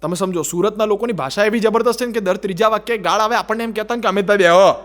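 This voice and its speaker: A man's voice: high-pitched, racing, fairly bright tone. A man with a Gujarati accent performing a stand-up comedy routine, telling stories with put-on voices and broken English.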